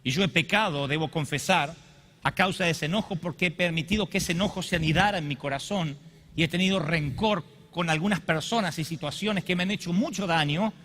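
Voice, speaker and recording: A man's voice: a little high, brisk, a bit bright. A man preaching a sermon to a congregation, impassioned and confessional, who often acts out quotes. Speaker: pastor. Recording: long reverb of a large hall.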